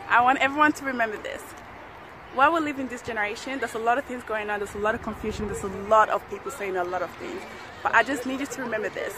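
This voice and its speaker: Talking fast in a highish voice, a young adult Ghanaian woman speaks as an interview guest, offering earnest, casual testimony outside and repeating "you know." Loud crowds and traffic from the street fill the recording.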